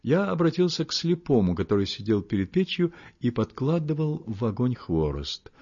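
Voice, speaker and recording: Husky man narrating a classic story. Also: medium pitch. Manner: measured, expressive storytelling. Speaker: audiobook reader. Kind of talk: literary audiobook narration. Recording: muffled lo-fi recording.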